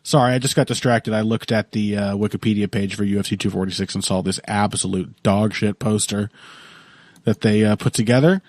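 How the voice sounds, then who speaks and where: A man's voice: on the low side, fairly even intonation, fairly quick, a little mellow, no room sound, studio quality. A young man with a sick, congested voice, co-hosting a casual podcast, rambling and swearing often. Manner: rambling, profane, laughs often. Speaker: podcast co-host.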